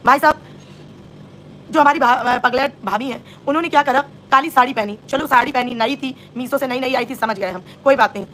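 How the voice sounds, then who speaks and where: A woman's voice: high voice, a little fast, fairly bright tone, slight background noise. A woman vlogger doing gossip commentary on a livestream, scolding and sarcastically taunting a rival directly. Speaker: live-stream vlogger. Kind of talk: live-stream gossip commentary.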